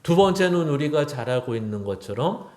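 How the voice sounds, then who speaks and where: A man's voice: fairly high pitch, sing-song, brisk, darkish tone. A male pastor preaching a sermon to his congregation, often slipping into blunt, informal direct address. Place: church sanctuary. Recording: echoey church hall.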